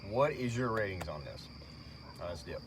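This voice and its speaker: A man's voice: lowish voice, expressive, moderate pace. A young man with chewing tobacco in his lip, giving terse, blunt, profane opinions in casual chat. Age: young adult. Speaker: amateur product reviewer. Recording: amateur recording, faint insect-like noise.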